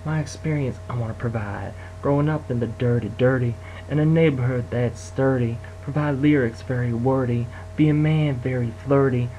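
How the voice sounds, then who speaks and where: A man's voice: medium pitch, moderate pace, hardly any pauses, dull audio, slight background noise. Young amateur rapper, man, rhythmic rhyming freestyle delivery, mid-range voice. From Detroit area, United States. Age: young adult. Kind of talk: freestyle rap.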